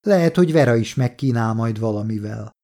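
A man narrating a novel in the first person as an audiobook, steady and measured. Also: medium pitch.

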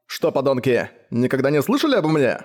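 A man's voice: mid-range voice, very animated, brisk, a little mellow, close to an everyday voice. A man doing a cocky, boastful biker. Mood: swaggering. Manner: swaggering, mocking, indignant. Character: brash boastful male biker, loud and cocky.

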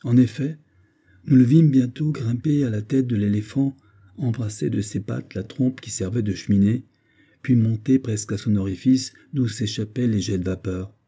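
A man narrating a classic adventure novel as an audiobook, in a measured, steady reading. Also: mid-range voice, husky. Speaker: audiobook reader.

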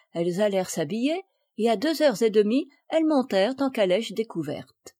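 A woman narrating a children's story in a clear, measured reading. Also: mid-range voice, mellow, no echo, studio quality. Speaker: audiobook reader.

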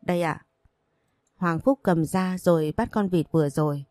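A woman reading a romance novel aloud as narrator, in an even storytelling voice. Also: on the low side, moderate pace, no room sound, studio quality. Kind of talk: scripted audiobook narration.

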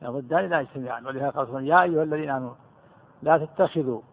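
A man explains a religious text at a quick clip, pressing his points and repeating key words. His voice sits in a middle pitch and comes through a thin, phone-like recording. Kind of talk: scholarly commentary in a lesson.

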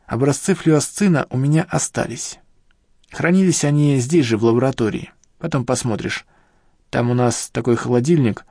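A man's voice: normal speed, darkish tone, dry recording, clean studio sound, lightly acted. A man voicing a grumbling, rueful elderly male professor in an audiobook, with a complaining, defensive manner. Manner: grumbling, complaining, raised pitch over the reader's own. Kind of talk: audiobook character reading.

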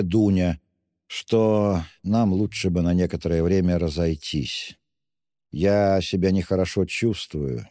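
Brooding feverish young man, slow and grave, deep dark voice, played by a male reader. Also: no echo, clean studio sound, big-room sound.

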